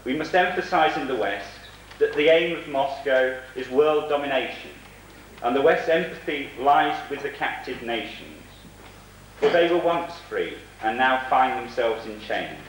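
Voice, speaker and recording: A man speaks formally and solemnly as the chair of a panel. His medium-pitched voice comes from some distance in a heavily reverberant hall. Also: expressive, measured pace. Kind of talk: formal speech and introductions. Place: large echoey room at a conference. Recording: very echoey hall, distant mic, faint noise.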